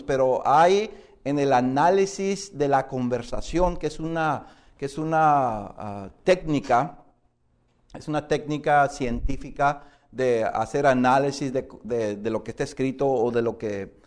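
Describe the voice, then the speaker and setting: A man teaching a Bible interpretation course to a class, questioning students often and pausing with fillers. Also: a little high, a little mellow. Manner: explains with many questions to the class and "hermanos"; hesitant, frequent "eh" fillers and restarts. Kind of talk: classroom lecture.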